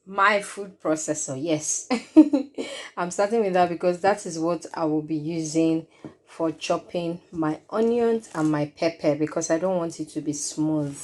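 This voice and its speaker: A woman's voice: low voice, darkish tone, a little hiss or hum. A woman, chatting casually as she walks viewers through a cooking demonstration and explains each ingredient. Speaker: cooking vlogger.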